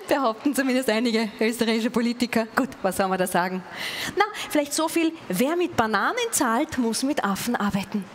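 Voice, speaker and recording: A woman's voice: a little high, expressive, slight background noise. A Viennese woman in her forties doing ironic stand-up cabaret on a large open-air stage, on a headset mic. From Vienna, Austria. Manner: ironic, quick-witted. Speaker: cabaret performer.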